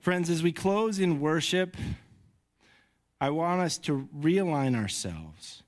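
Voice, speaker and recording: A man in his thirties preaching a sermon on a microphone in a church, conversational and animated when he tells stories. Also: fairly high pitch, slow pace. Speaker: pastor. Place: church sanctuary. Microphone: handheld or headset mic.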